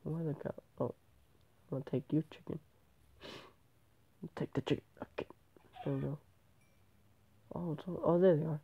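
Recorded tinny and phone-like on a tablet mic, this male channel host rambles through casual gameplay commentary, frequently correcting himself, his nose stuffed up from a cold. The voice is a little high and slightly rough, with vocal fry, fairly even intonation, moderate pace and long pauses.

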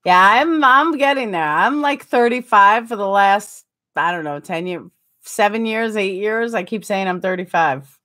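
A woman's voice: medium pitch, animated, a little slow, bright, forceful tone. A woman in her forties hosting a casual livestream, chatting and reading viewer comments aloud in a self-mocking way, laughing often, recorded on a desktop webcam in a small room. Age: 40s. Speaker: livestream host. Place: small indoor room with curtains behind.

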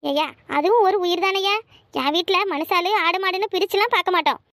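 An older village woman who speaks of her goats and cows as her children, earnest and tender, as a woman voices her. The voice is high and bright, recorded dry for a cartoon. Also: brisk, no echo.

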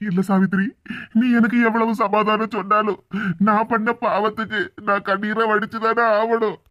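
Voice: mid-range voice, level tone, highs cut off, close to an everyday voice. Someone voicing a guilt-ridden old village husband. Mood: remorseful. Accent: Kanyakumari Tamil. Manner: heavy, guilt-laden, slow to explain. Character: remorseful older village husband. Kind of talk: cartoon voice acting.

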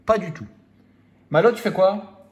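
A man chatting casually at home while scratching lottery tickets, teasing his kids and drawing out the numbers. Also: sits high. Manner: playful, teasing, drawn-out number counting. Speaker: scratch-card vlogger. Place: at home with his children nearby.

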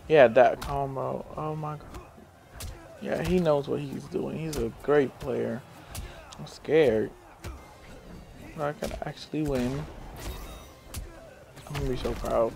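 A man's voice: medium pitch, slow, vocal fry, pauses often. A man giving casual commentary on his own fighting game matches, trash-talking with swearing, then fretting nervously when he falls behind. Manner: excitable trash talk with swearing and taunts; nervous self-talk and sighs when losing.

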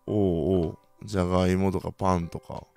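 A young man with a Kansai accent commentating his own game play, bursting into loud reactions and then muttering quietly. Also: fairly quick, vocal fry, soft background music. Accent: Kansai Japanese. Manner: excitable, reacts loudly to surprises, then mutters low. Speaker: gaming channel host.

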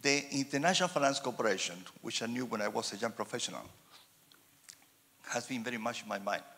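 Chilean man, gravelly voice, asks a rambling question from the floor via roving mic in a reverberant hall. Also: medium pitch, bright, forceful tone. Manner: halting, many fillers. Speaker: audience member asking a question. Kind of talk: audience question at a panel event. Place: large wood-panelled hall. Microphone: roving handheld mic.

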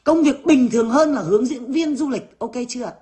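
A woman's voice: high-pitched, moderate pace, dark tone. A woman in her thirties from Vietnam, ranting bluntly to her viewers and swearing freely. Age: 30s. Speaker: vlogger.

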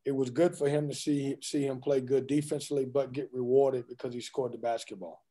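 A man in his forties speaks over a video call webcam, his voice mellow and dark-toned. He answers postgame questions in a candid, loose and joking way. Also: mid-range voice, level tone, brisk. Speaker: head basketball coach. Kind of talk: postgame press conference. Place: indoors in front of a team backdrop.

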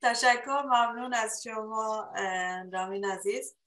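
A woman's voice: a little high, little pitch movement, a bit bright, reverberant, poor audio. A woman hosting a poets' round table, politely inviting each guest to speak, with hesitant fillers. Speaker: host.

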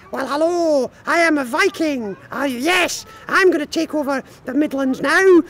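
A man voicing a goofy, bantering Scottish sock puppet in a squeaky falsetto, improvising a comedy sketch. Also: a bit bright.

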